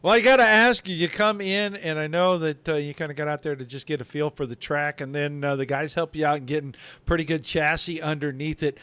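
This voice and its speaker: A man's voice: on the high side, smooth, no room sound. A man calling the finish of an online stock car race and then interviewing drivers as the host. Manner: fast, excitable play-by-play. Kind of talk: excited race commentary.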